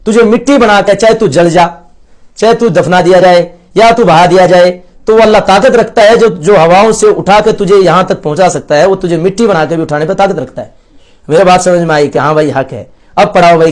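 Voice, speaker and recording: A man's voice: sits high, darkish tone. A young man giving an earnest personal testimony, acting out the dialogue as he retells it. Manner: earnest, storytelling with quoted dialogue. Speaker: convert sharing his story.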